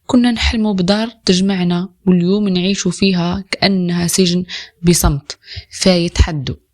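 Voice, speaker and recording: A woman with an Algerian Arabic accent voicing a sad, lonely young wife, speaking in a quiet, wistful inner voice. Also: fairly low pitch, fairly even intonation, brisk, lightly acted.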